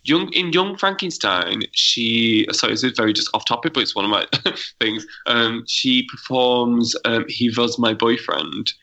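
A man's voice: medium pitch, moderate pace, sharp tone, highs cut off. A man in his thirties chatting casually on a podcast, rambling and hesitant with lots of fillers. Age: 30s. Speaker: podcast panelist. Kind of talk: casual chat.

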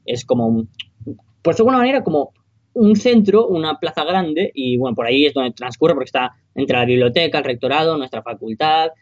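A young man tells a story as a podcast co-host, relaxed and chatty. His voice sits a bit high for a man. The recording is dry and somewhat dull, lo-fi. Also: fairly quick, no echo. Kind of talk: casual chat.

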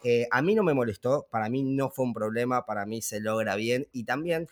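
A man's voice: medium pitch, brisk. A man with an Argentine accent casually discussing a film on a podcast, thinking aloud with many fillers and restarts. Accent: Argentine Spanish.

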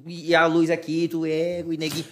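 High-voiced man telling lively anecdotes. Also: a little fast. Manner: animated, laughing, self-mocking anecdotes. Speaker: podcast guest. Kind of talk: casual storytelling.

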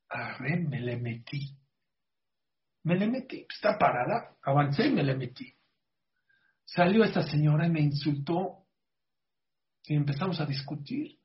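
A middle-aged man tells a moral story as a religious speaker, earnestly questioning his audience. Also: on the high side. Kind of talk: storytelling sermon. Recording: slightly muffled lo-fi audio.

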